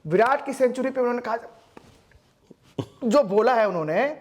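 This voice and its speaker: A man hosting a casual interview, asking steady questions and often giving short affirmations. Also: extremely high pitch, moderate pace. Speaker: interview host.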